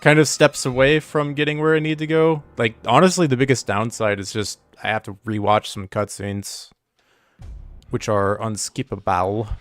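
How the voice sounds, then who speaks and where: Male streamer, middle pitch, loud and swearing, chatting to viewers over faint game music. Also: moderate pace, dry recording. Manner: excitable and profane, talking to chat. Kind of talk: live let's-play commentary.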